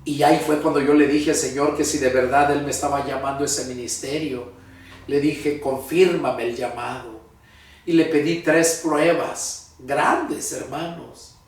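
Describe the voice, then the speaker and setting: An older man with a Mexican Spanish accent recounts his calling as a pastor, speaking with earnest conviction. His voice sits a little high and comes from some distance from the microphone. It rings heavily around a strongly reverberant room. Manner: earnest, heartfelt storytelling. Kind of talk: personal testimony sermon. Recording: very echoey room, voice far from mic.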